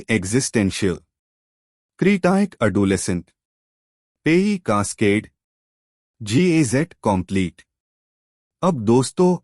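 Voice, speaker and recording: Male tutor, slow and deliberate, voice rises and falls a lot, dry close recording. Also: fairly low pitch, a little mellow, no echo. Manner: reads word examples aloud slowly, spelling out sounds letter by letter. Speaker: English teacher. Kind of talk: recorded lesson on pronunciation.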